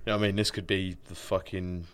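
A man's voice: low-pitched, level tone, brisk, a bit bright, smooth. A young man from Norfolk with a Norfolk English accent, co-hosting a casual podcast chat, swearing constantly and laughing often. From England (Norfolk). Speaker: podcast co-host.

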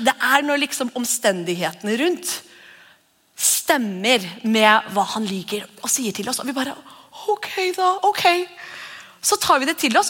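Lady pastor, husky voice, chatty sermon, big echoey church. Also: on the high side. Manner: conversational, animated, acts out whispered voices. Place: church hall. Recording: long church reverb.

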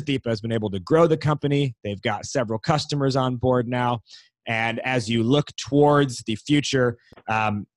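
A man's voice: mid-range voice, no echo. A man hosting a podcast interview in a conversational style, introducing his guest and putting questions.

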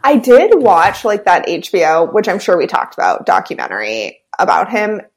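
Lively, giggly woman co-host. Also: mid-range voice, moderate pace. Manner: giggly, agreeable, many "yeah"s. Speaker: podcast co-host. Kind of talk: casual chat.

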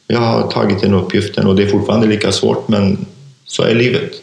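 Deep-voiced man, halting, echoey room. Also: flat delivery, gravelly, a little mellow. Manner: halting, many fillers and restarts. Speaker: interview guest, author. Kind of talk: personal testimony in an interview.

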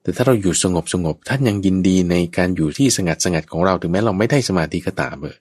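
A Buddhist monk teacher explains the teaching patiently in a dhamma teaching dialogue, repeatedly checking that his listener understands. His voice is low, darkish, animated and fast, recorded with clean studio sound and no echo, and he acts out others' speech in a raised voice.

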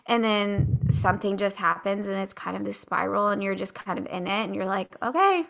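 A woman hosts a podcast with a bright, forward voice that often drops into vocal fry. She chats candidly and informally, as if among friends. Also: medium pitch, flat delivery, a little fast. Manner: informal, candid, mild swearing. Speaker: podcast host. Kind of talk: casual podcast chat.

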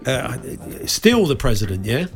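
A man's voice: mid-range voice, big pitch swings, moderate pace, soft background music. A man bantering casually as he hosts and plays a guessing game, chatty, teasing and often hesitant. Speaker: quiz game host and contestant.

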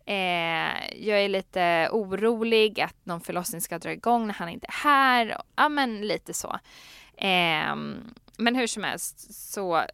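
A young pregnant woman co-hosting a casual podcast, telling stories with animated, acted-out quotes. Her voice is smooth and clear. The sound is dry and close, with no room echo. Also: lowish voice. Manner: animated storytelling, laughs often, acts out quotes. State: heavily pregnant. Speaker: podcast co-host. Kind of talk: casual chat.

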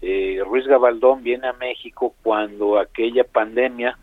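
A man's voice: medium pitch, steady tone, a little slow, no room sound. A man with a Mexican accent, an ambassador giving his view as a phone guest, speaking hesitantly with many fillers. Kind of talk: phone interview commentary. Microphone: telephone. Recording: tinny phone line.

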